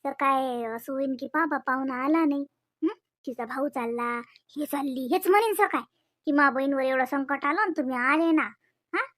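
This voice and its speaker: A woman voicing a calm, firm old village mother in a cartoon, with a coaxing way of talking. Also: high-pitched, normal speed, dry recording, voice pushed down. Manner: soothing, coaxing, keeps asking "हा?".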